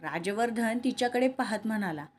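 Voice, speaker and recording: A woman's voice: a little high, lively intonation, moderate pace. A woman reading a romantic serial story aloud, voicing every character in her own voice. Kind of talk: scripted story narration with dialogue.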